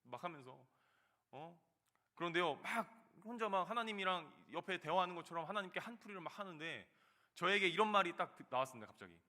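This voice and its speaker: A man in his thirties preaching a sermon, telling a personal story with loud emphatic bursts and soft quiet asides. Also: high voice, lively intonation, a little fast. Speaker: junior pastor. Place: church sanctuary.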